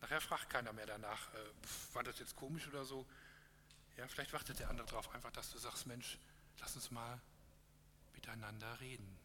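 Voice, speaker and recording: An earnest man preaching and telling a parable, with small hesitations along the way. His voice is bright and clear-toned. The recording has a long hall reverb and a faint hum. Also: mid-range voice, fairly even intonation, fairly quick. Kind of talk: sermon closing with a read parable.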